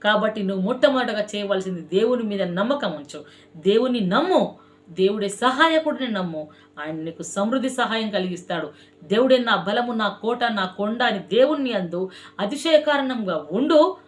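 A woman preacher giving a sermon. She exhorts the listener directly, and her repeated scripture phrases are drawn out slowly and emphatically before falling away soft. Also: medium pitch, animated. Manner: slow emphatic chanting of scripture phrases, swelling then dropping soft; repetitive exhorting address to the listener.

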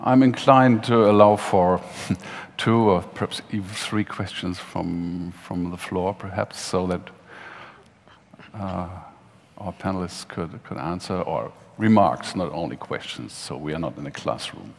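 A middle-aged man moderating a panel in a large atrium, talking haltingly with many fillers and restarts, on a headset mic. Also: sits low, vocal fry. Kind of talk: hesitant conversational moderating. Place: large glass atrium hall with audience. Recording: long hall reverb.

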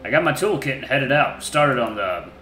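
A man's voice: medium pitch, expressive, normal speed, bright, forceful tone, a little hiss or hum. A man voicing a crude, ill-tempered male wolf being questioned, with blunt, clipped answers full of swearing. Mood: grumbling. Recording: echoey room with faint music.

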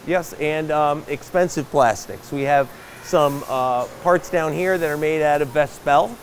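A man in his fifties shows off his machine shop, his fairly high voice explaining parts and machines in a plain, unhurried way with plenty of fillers. A faint hum of air conditioning and machinery sits behind him on the bright shop floor. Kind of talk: guided shop tour.

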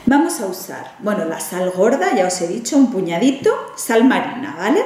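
A woman's voice: mid-range voice, moderate pace, distant mic. A woman from Spain with a Spanish accent, standing at a table and demonstrating a ritual in a chatty tutorial, often checking in with her viewers. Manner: chatty, frequent "¿vale?" check-ins, animated hand gestures. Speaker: witch teaching rituals. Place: room indoors, standing at a table. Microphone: camera at a distance. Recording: echoey room, voice from off-mic.

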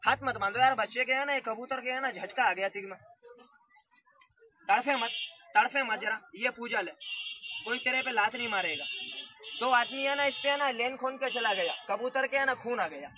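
A young man performing as a street magician, barking patter loudly at a gathered crowd outdoors. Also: very high voice, normal speed, noisy background. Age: young adult.

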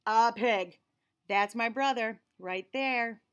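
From a small indoor room with shelves and cabinets, an American read-aloud host and teacher in her forties reads a picture book to young children. Her voice sits on the high side and sounds smooth and fairly bright, and she reads slowly but expressively, with friendly teaching asides.

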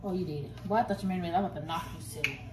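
A woman's voice: fairly low pitch, very fast. A young woman making a casual cooking vlog in her home kitchen, filming on a phone and bossing and teasing the kid helping her in a slangy way. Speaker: vlogger. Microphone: phone camera. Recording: echoey kitchen with clear noise.

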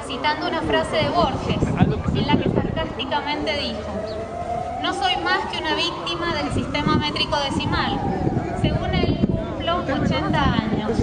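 At an outdoor ceremony in a school courtyard, a former student in her early forties reads a commemorative speech aloud from notes, measured and reflective, with an Argentine Spanish accent and a high-pitched voice. A camera far off in the crowd picks up her podium mic through echoey outdoor PA, with the crowd and heavy background noise.

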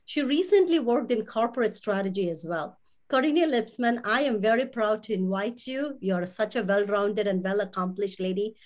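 A woman's voice: medium pitch, moderate pace. A woman hosting a talk show, introducing and questioning her guest with enthusiastic praise. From immigrant. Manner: enthusiastic, complimentary. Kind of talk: interview host.

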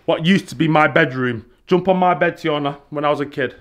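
A man's voice: fairly high pitch, fairly quick, fairly bright tone. A middle-aged British man chatting casually and teasingly for a family vlog. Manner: playful, teasing. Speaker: vlogging father. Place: small furnished rooms of a house, later inside a car. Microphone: handheld camera at arm's length. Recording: faint background noise, handheld camera.

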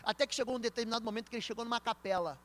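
Very high-voiced Brazilian pastor preaching. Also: male voice, very fast. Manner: emphatic preaching, swinging between loud and soft; storytelling, addressing the congregation directly. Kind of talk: sermon. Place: church.

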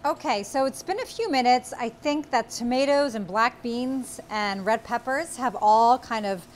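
A woman in her forties demonstrates a recipe on her cooking show, speaking in a fairly high voice at a measured pace. She guides viewers step by step in a friendly manner from a small studio kitchen. A little hiss or hum comes through her lapel mic.

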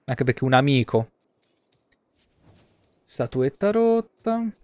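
A video game streamer, a man in his thirties with an Italian accent, offers laid-back live commentary on his play and swears occasionally. His medium-pitched voice swings widely in pitch, moves at a slow pace and sounds a little mellow, with no room sound in the small indoor room.

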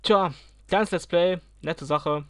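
A man's voice: a little high, takes it slowly, smooth, no echo, clean studio sound. A man giving casual let's play commentary, grumbling at and cheering on the game, talking to enemies.

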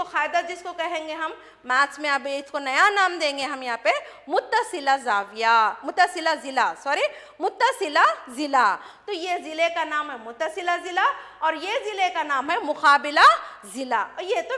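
A woman's voice: very high-pitched, bright, forceful tone. A woman teaching a math lesson to schoolchildren, patiently repeating terms and asking and answering her own questions. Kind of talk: classroom lesson. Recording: long hall reverb.

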